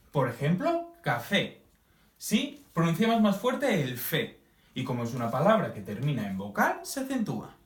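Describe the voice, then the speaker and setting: Animated male teacher, wide swings in pitch, recorded a distance in a roomy space. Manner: lively, drawn-out examples, checking in with "¿sí?". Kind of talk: explaining a grammar lesson. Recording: echoey room from a distance.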